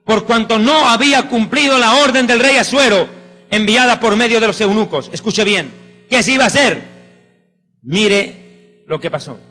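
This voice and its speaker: A man's voice: sits high, animated, moderate pace, bright, forceful tone. A man preaching a sermon with fervent, exclamatory emphasis. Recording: reverberant hall with faint music.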